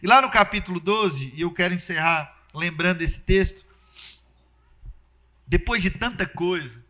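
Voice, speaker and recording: A high-pitched man preaches a sermon. His voice is bright and forceful, and he talks in a lively, conversational way, often dropping into acted-out quotes. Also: measured pace. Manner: animated, conversational preaching with acted-out quotes and sudden loud bursts.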